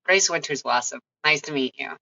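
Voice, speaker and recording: A haughty pony mage from another world with a formal, affronted way of speaking, as a woman puts her on. Her voice is low and bright, heard through a dull, muffled recording. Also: brisk, creaky, no room sound, full character voice. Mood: polite.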